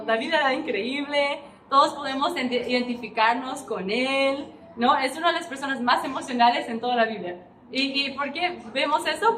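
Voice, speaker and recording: A young woman giving an informal, emotional sermon at a women's church gathering, chatty and full of tag questions. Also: sits high. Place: church hall. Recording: echoey church hall, distant mic, background noise.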